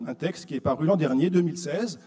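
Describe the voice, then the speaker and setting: Talking fast in a slightly high voice with a dark tone, a French man lectures at a conference. His explanatory, didactic talk is paced by rhetorical questions, and long reverb from the hall surrounds him.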